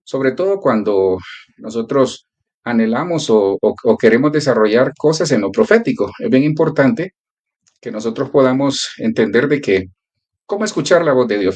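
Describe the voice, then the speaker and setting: A male pastor who prays and then teaches a church class, telling stories in a prayerful, earnest way. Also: medium pitch.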